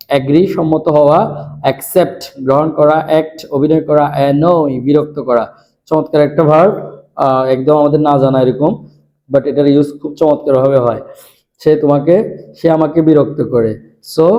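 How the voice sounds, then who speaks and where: A man with a Bangladeshi accent teaching an online spoken English lesson, reading each English word and then its meaning, and repeating words slowly to fix pronunciation. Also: on the high side, dark tone. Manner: corrects pronunciation by saying words again slowly.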